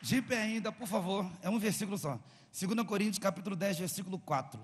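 A man's voice: high voice, fast talker, breathy edge. A man with a Brazilian Portuguese accent preaching a sermon as pastor, telling stories with fervent, dramatic delivery. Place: large church hall. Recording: echoey church hall with faint hum.

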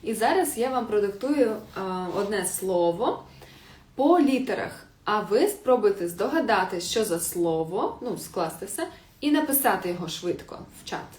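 A woman's voice: medium pitch, expressive, moderate pace, darkish tone. A woman teaching a live online language lesson, spelling words out letter by letter and reading answers from the chat. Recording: roomy echo.

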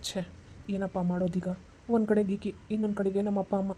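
A woman voicing a gentle, indecisive young husband in a cartoon, with a North Karnataka Kannada accent, soothing and worrying aloud. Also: mid-range voice, flat delivery, fast, a little hiss or hum, close to an everyday voice. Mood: worried. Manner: soothing, worried, self-questioning. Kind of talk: cartoon voice acting.

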